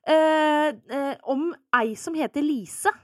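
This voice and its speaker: A woman's voice: sits high, dry recording, clean studio sound. A young woman co-hosting a casual podcast, chatty and frank, joking about herself. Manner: chatty, self-mocking, frank about money. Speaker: podcast co-host.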